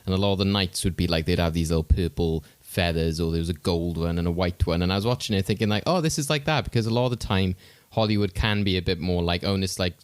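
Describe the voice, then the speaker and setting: A man with a fairly low voice chats loosely on a film podcast, stringing thoughts together with plenty of fillers. His voice is recorded close and dry, with no room around it. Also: steady tone, fast talker, clean tone, no echo. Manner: rambling, full of "like" and "you know". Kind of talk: casual chat.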